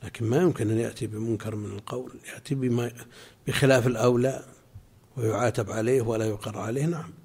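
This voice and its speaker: A man teaching a class as a religious scholar, explaining a legal text in a measured way and answering students' questions. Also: medium pitch, steady tone, creaky, darkish tone, husky.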